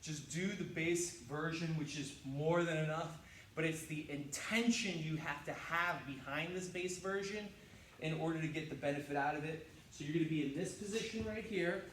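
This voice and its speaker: Male trainer, upbeat and joking, counts reps and grunts through the effort; high voice, slight hiss behind it. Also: moderate pace, fairly bright tone. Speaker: fitness trainer. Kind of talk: workout instruction, demonstrating exercises. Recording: echoey room, mic at a distance.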